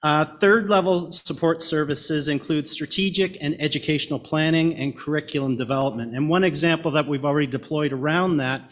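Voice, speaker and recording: Higher-pitched middle-aged man, Maritimer accent. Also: brisk, hardly any pauses. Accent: Canadian Maritimer. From Maritime Canada. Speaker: education director, presenter. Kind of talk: prepared conference presentation.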